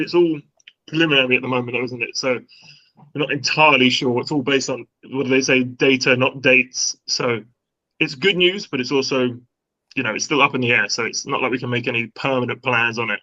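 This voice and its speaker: A man's voice: mid-range voice, fairly even intonation, fairly quick, sharp tone. Man who sounds down a well. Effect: muffled and hollow, as if from the bottom of a well. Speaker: fitness trainer, guest on live stream. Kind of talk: casual chat on a video call. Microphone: video call. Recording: dull lo-fi call audio.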